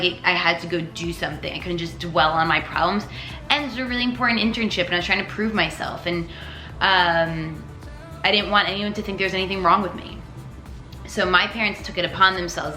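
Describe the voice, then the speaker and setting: A young woman from Long Island tells her personal story straight to camera, rambling and emotional, dropping "like" into every sentence. Her voice sits a little low yet comes across bright and forceful. The room is echoey, with faint music underneath. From Long Island, New York. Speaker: vlogger.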